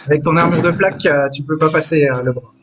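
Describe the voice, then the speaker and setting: A man running a tabletop role-playing game as game master, describing scenes slowly with frequent hesitations. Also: a little high, fairly bright tone, slight background noise. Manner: descriptive, hesitant with many "euh"s.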